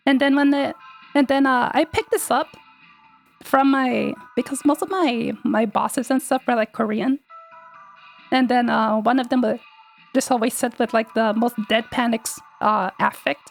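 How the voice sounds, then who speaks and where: A woman's voice: a little high, unhurried, vocal fry, soft background music. A young woman streaming, chatting casually and rambling, laughing often and swearing freely. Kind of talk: casual livestream chat.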